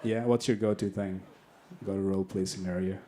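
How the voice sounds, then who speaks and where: A man's voice: low-pitched, fairly even intonation, brisk. A young man from Bangladesh doing a stand-up set, teasing the audience with crass, brash banter on a club stage. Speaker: stand-up comedian. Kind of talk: stand-up set with crowd work. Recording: club set with roaring crowd laughter. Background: loud audience laughter.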